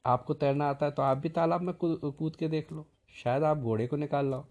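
A man doing a shrill, wailing trickster servant. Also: fairly even intonation, a little fast, lightly acted. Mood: sly excuses. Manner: loud, high, wailing fake alarm. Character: cunning young male servant, sly trickster.

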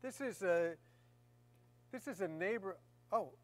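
A woman's voice: mid-range voice, lively intonation, a little slow, darkish tone. A woman preaching a sermon in a conversational way, often repeating key phrases for emphasis.

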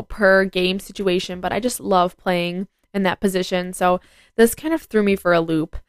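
An earnest teenage girl rambles through her own podcast in a casual, heartfelt way, leaning on fillers as she talks. Her voice is smooth and clear at a middle pitch. The recording is dry and close, with no room sound. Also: a bit bright, no room sound. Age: teens. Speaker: podcast host. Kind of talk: casual personal chat.

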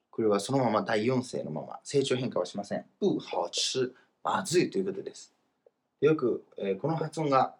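A man teaching Chinese grammar in a casual, explanatory lesson, slowing down for the example phrases. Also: medium pitch. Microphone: voice message recording.

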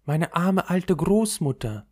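A man's voice: big pitch swings, takes it slowly, darkish tone, heavily acted. A man voicing Gerda, a small anxious girl searching for her lost friend, in a raised pleading voice. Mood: longing. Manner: pleading, raised girlish pitch.

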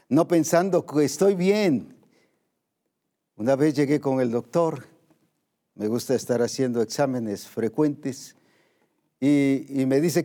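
A man with a mid-range voice preaches an emphatic sermon. He moves between raised and hushed delivery and slows down to stress scripture.

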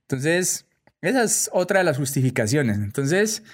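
A man's voice: on the high side, very animated, measured pace. Chatty Colombian man hosting. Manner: chatty, peppers speech with "pues" and "¿cierto?". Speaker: host. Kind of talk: casual commentary monologue.

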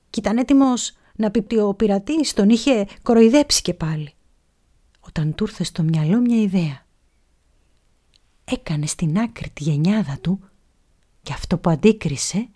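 Expressive woman telling a pirate tale. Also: medium pitch. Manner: expressive, drops to a whisper for tense moments. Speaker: storyteller. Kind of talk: storybook narration for children.

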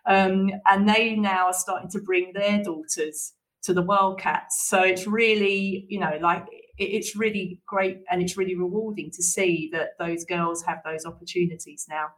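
A woman's voice: fairly low pitch, fairly even intonation, normal speed. Woman in her 30s, lots of ums, sounds a bit far off the mic, club founder chat. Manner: warm, hesitant with many ums. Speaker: women's football club founder. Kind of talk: radio interview answer.

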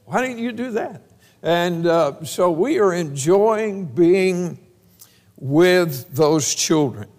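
A man, preaching a homecoming sermon as pastor and telling folksy, joking stories. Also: high voice. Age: 70s. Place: church sanctuary. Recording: reverberant church hall.

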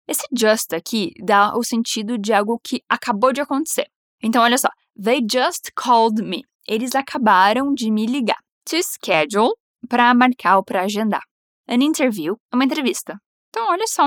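A Brazilian woman teaching English phrases to Portuguese speakers, repeating lines slowly and then explaining them quickly and encouragingly. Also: a little high, a bit bright, no room sound, studio quality.

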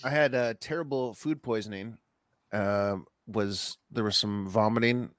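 A man co-hosting a podcast in casual chat, with dry humor and lots of halting fillers. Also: lowish voice, a bit bright, dry recording. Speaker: podcast co-host.

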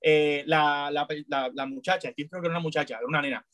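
A man telling a story in casual chat, hesitant, with many restarts, growing animated as he goes. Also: a little high, fast talker, dry recording, studio quality. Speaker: storyteller in a conversation.

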